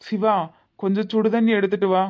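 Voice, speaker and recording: A woman voicing a kindly widowed father-in-law who speaks gently and coaxingly, in a Tirunelveli Tamil accent. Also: medium pitch, little pitch movement, brisk, natural voice. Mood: gentle, coaxing. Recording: slightly muffled lo-fi audio.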